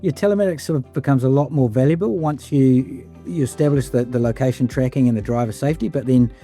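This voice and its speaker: A man's voice: medium pitch, quick pace, mellow, faint music behind. A man speaking as a panelist in a casual, list-heavy way, with many fillers. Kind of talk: panel discussion.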